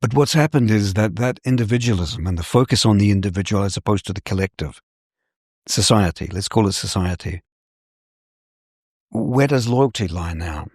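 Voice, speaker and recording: An older male scholar from New Zealand, giving measured, professorial answers in an interview. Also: on the low side, darkish tone, husky, no room sound, studio quality. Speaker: scholar guest.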